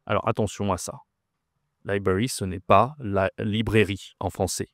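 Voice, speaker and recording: A man's voice: fairly low pitch, fairly even intonation, normal speed, no echo, clean studio sound. A man teaching French vocabulary. He is patient, repeats each word and often checks that the listener follows. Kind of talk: slow, clear vocabulary lesson.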